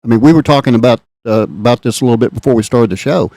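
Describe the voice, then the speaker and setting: A man's voice: medium pitch, racing, darkish tone, no room sound. A man co-hosting a Bible study show, laughing often and teasing his partner with playful doubt. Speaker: co-host. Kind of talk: casual chat on a Bible study broadcast.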